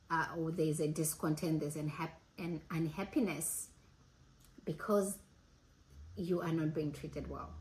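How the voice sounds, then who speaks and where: A woman in her late forties talking earnestly and reflectively to her audience, pausing and restarting as she gathers her thoughts. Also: low-pitched, a little mellow, slight background noise, low-quality recording. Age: 40s. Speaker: host. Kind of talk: reflective casual talk.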